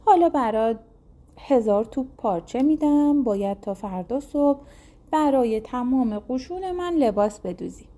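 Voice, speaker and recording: A scheming fairy-tale king who barks orders and threatens death, voiced by a woman reading a folktale. The tone is mellow and fairly high, with a commanding edge. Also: lively intonation, lightly acted.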